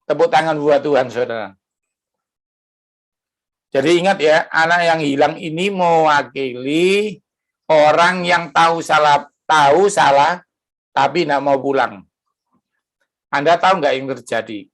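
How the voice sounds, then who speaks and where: Man, pastor, church sermon, gravelly, fairly high voice, rhetorical questions. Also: unhurried, long pauses. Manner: lively preaching with rhetorical questions to the congregation. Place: church service.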